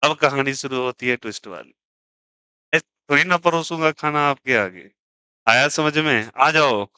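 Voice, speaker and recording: A man teaching chemistry in a lively, teasing classroom lecture, joking and pushing students to answer. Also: on the high side, clean tone, no echo, poor audio.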